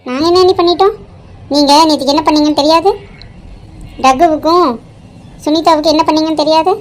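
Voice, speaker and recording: A woman voicing a calm, pious aunt in a cartoon drama who answers back with sharp retorts. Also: high voice, lightly acted. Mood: accusing. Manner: composed, quick retorts. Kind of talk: Tamil cartoon drama voice acting.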